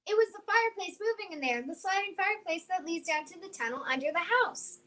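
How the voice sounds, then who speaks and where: A woman playing a plucky, quick-witted little orphan girl in an old-time radio serial, speaking in an earnest, exclamatory way. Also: very high voice, animated, pushed and bright, exaggerated voice. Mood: alert, resourceful.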